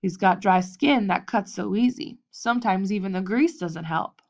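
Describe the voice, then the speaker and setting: A woman voicing a wiry, toothless old boxing cutman who talks gruff and blunt, in a lo-fi audiobook recording. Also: medium pitch, moderate pace, natural voice. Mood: instructive. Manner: gruff, blunt, clipped street grammar.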